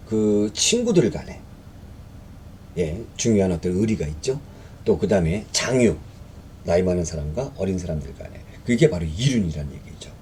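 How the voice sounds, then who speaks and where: Reading exam questions aloud, a man explains history in a conversational style full of fillers and rhetorical questions. His deep, warm voice carries vocal fry, with slight noise in the background.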